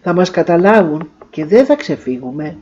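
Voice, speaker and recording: A brave young captain speaks low and tenderly, as a woman reads him aloud. His warm, mellow tone stays soft and earnest. The recording sounds a little muffled. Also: sing-song, breathy edge. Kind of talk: storybook reading.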